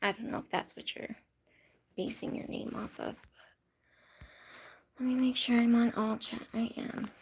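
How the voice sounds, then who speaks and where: Young woman chatting on her stream, slow and soft, lots of vocal fry, half whispering sometimes. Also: a little high, steady tone, a little hiss or hum. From California, US. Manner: soft-spoken, slips into whispers. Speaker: livestream host. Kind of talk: casual livestream chat with viewers.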